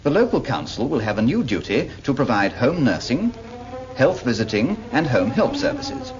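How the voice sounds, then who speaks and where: With huge swings in his medium-pitched voice and a moderate pace, a British man narrates a 1940s public information cartoon. His scripted narration addresses a character in a patient, explanatory manner. The recording is a dull 1940s film soundtrack with music.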